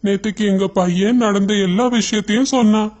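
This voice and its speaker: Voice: medium pitch, brisk, darkish tone, lo-fi sound, close to an everyday voice. A performer voicing a polite, grateful father crow in a cartoon story. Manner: earnest, polite.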